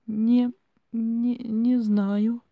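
A man's voice: extremely high pitch, level tone, extremely slow, dry recording, phone-quality sound, pitched above the performer's own voice, heavily acted. A man voicing a timid, tearful young female student who stammers and whimpers. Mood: frightened.

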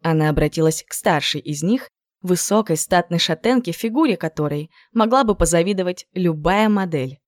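A woman reading a novel aloud as narrator in an expressive, even manner. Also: on the low side, moderate pace, no echo, studio quality. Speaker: audiobook narrator. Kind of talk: scripted narration.

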